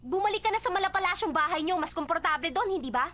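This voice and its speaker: A woman dubbing the part of a proud, sharp-tongued poor young woman in a drama. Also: medium pitch, steady tone, a little fast, breathy edge, no echo, close to an everyday voice. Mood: irritated. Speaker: dub actress. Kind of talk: Tagalog drama dub. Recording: dub with faint music underneath.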